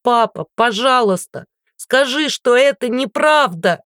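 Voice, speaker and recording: A man's voice: sits high, takes it slowly, dark tone, no echo, studio quality. A man voicing a frightened teenage daughter who pleads tearfully with her father. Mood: pleading. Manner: pleading, tearful, breaking into cries.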